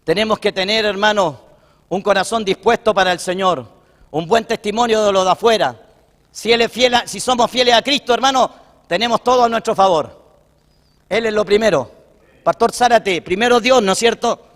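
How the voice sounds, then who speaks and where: Chilean pastor preaching in a reverberant hall. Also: male voice, high voice, moderate pace, fairly bright tone. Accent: Chilean Spanish. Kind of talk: sermon.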